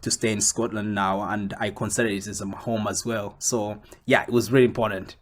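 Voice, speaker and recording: A young man from Congo, a comic book creator, answering interview questions in a casual, animated way that jumps up when he quotes himself. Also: fairly low pitch, brisk, a little hiss or hum.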